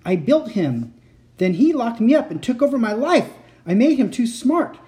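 A man voicing a desperate male inventor who shouts warnings in a raised, urgent voice. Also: very high-pitched, big pitch swings, normal speed, pitched above the performer's own voice. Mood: frantic. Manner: frantic, warning, loud. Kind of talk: audiobook character voice.

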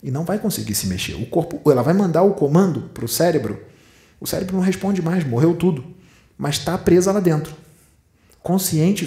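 A man's voice: fairly high pitch, warm tone. Man with a Brazilian accent telling dramatic stories. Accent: Brazilian Portuguese. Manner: dramatic storytelling, addressing listeners directly. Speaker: spiritual teacher. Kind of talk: spiritual teaching talk. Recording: roomy echo.

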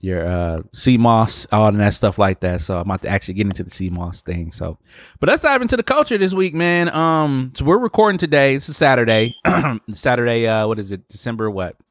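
A man's voice: medium pitch, sing-song, a little fast, no echo. A man in his late twenties hosting a casual podcast chat, laid-back and tacking "man" onto his sentences. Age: 20s. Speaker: podcast host.

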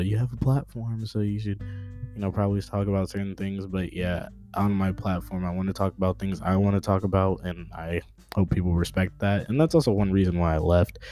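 Low and dark-toned, a young man's voice carries his own podcast as he delivers a casual, off-the-cuff update. He rambles and jokes, stumbling over his words along the way.

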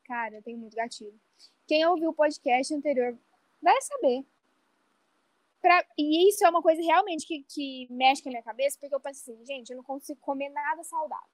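A woman's voice: sits high, a little fast, no room sound. A young woman co-hosting a casual podcast chat, telling an anxious, self-mocking story about her fears. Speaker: podcast co-host.

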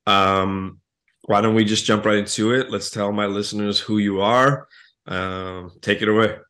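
A podcast host with a voice on the low side speaks at a measured pace, reading a scripted intro and ad. He then has a casual interview chat with his guest, keeping things relaxed and friendly.

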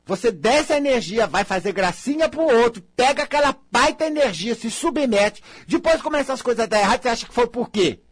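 A man with a Brazilian accent giving a blunt, scolding motivational monologue, jumping from loud outbursts to low mutters. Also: expressive, brisk, few pauses, husky, no echo.

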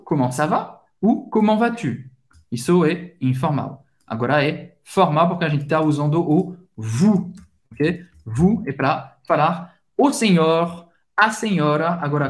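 A man who speaks with a French accent, a native French speaker hosting a podcast lesson and slowly repeating words for learners to drill. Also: a little high. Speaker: podcast host and French teacher.

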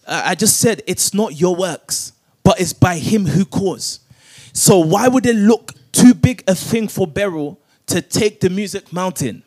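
A man preaching a sermon, calling for verses to be read aloud and repeating them with rising emphasis. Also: high voice. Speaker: pastor. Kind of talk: sermon with call-and-response scripture reading.

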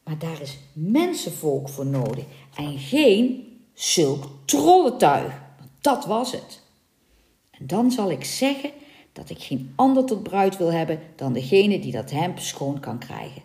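A woman voicing a gentle, decisive young prince in a read-aloud fairy tale. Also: fairly low pitch, very animated, measured pace, roomy sound.

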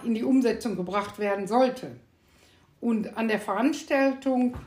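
A woman's voice: a little high, husky. An older woman, an architect hosting her own podcast, speaking in a thoughtful, hesitant way with many filler sounds. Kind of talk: casual monologue.

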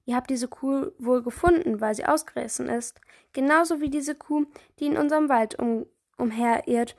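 A woman's voice: normal speed, a little mellow. A woman reading aloud, voicing a hesitant adult neighbor woman in a children's story. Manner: hesitant, slightly lower.

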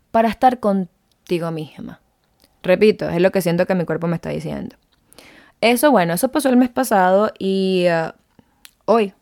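A woman's voice: medium pitch, darkish tone, dry recording, clean studio sound. A young adult woman talking to her listeners in a casual, confiding personal monologue, chatty and openly emotional as she tells a story. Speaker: podcast host.

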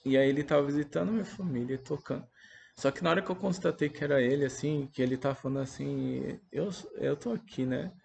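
Gravelly, earnest Brazilian man. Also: mid-range voice, steady tone, darkish tone, slight background noise. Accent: Brazilian Portuguese. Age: adult parent. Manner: earnest, halting and reflective. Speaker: person sharing a religious testimony. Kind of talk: casual spoken testimony.

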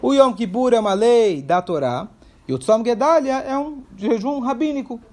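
A man's voice: very high-pitched, expressive, moderate pace, a little mellow. A man teaching a Torah class, explaining step by step and asking questions aloud to his listeners. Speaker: religious teacher.

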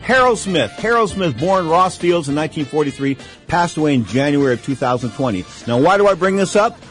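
Faint music plays softly as a radio host in his studio launches into a boxing monologue, brisk and expressive, his fairly high, bright voice leaning hard on catchphrases. He sounds like a showman, all emphasis and ring-announcer flair.

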